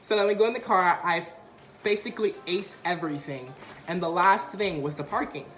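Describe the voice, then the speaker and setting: A man's voice: high-pitched, brisk, reverberant. A young man vlogger telling a story casually, acting out the quotes with energy. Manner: animated, acts out quotes.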